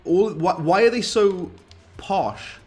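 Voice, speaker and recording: Chatty streamer, joking. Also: male voice, high-pitched, slow pace, darkish tone, soft background music. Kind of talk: casual live-stream commentary.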